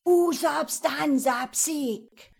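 A scheming dark magician, bowing before his master yet loud and slow when he cries out his spells, as a woman plays him. His voice carries the fawning respect of an apprentice in a fantasy read-aloud. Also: sits high, creaky, pitched above the performer's own voice, exaggerated voice. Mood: chanting incantations. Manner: deferential, scheming.

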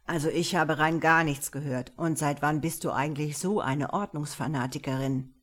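A woman's voice: deep voice, steady tone, moderate pace, voice pushed down. A woman reading an audiobook, voicing an impatient young husband who talks in a curt, dismissive way. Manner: curt and scornful.

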